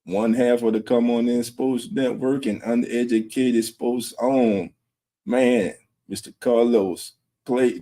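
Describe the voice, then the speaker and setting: A laid-back man hosts a fan livestream, reading the chat and greeting viewers by name. His voice sits on the low side. He takes his time and often chuckles as he talks. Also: dark tone. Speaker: host of a fan sports livestream. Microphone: streaming setup.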